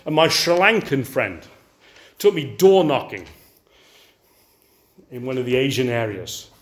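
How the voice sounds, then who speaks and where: Animated older male preacher. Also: mid-range voice, a little slow. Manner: animated, asks the audience rhetorical questions. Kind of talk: sermon.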